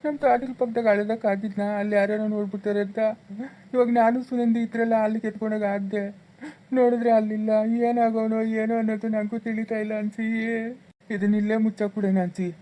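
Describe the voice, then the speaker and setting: A woman plays a guilty village husband who begs and pleads in a homemade family drama. The voice is mellow and slightly high, with a rural Chikkaballapura Kannada accent. The lines tumble out quickly. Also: little pitch movement, natural voice. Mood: pleading. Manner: pleading and begging.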